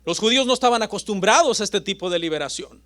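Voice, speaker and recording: A man preaching a sermon as pastor, with dramatic pauses and swings between loud and soft. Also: sits high, expressive.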